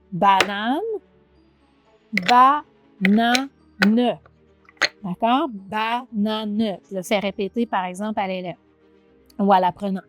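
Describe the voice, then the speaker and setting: A woman remedial teacher with a Quebec French accent, explaining a reading exercise to viewers and sounding out syllables, checking in often. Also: medium pitch. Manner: animated, addresses viewer directly with many check-ins; sounds out letters and syllables slowly. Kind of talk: teaching demonstration video.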